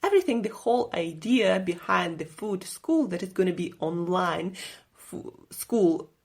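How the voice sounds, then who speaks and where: A woman's voice: on the low side, expressive, a little slow, darkish tone, breathy edge. Upbeat woman hosting a nutrition podcast. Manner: upbeat and enthusiastic, with a few slips and restarts. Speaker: podcast host and nutrition coach. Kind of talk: casual solo podcast talk.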